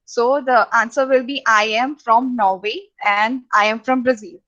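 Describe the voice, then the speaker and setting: A woman teaches programming in a halting lecture, with many fillers and restarts. Her voice sits a little high, and the recording sounds dull and lo-fi. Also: fairly even intonation, fairly bright tone. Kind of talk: lecture over slides.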